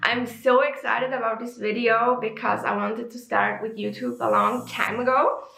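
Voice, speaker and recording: A woman's voice: fairly high pitch, fairly even intonation, moderate pace, gravelly, pushed and bright, echoey room, low-quality recording. A young woman from Switzerland with a Swiss German accent, a native German speaker, chatting openly in a personal vlog with frequent ums and self-corrections. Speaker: vlogger.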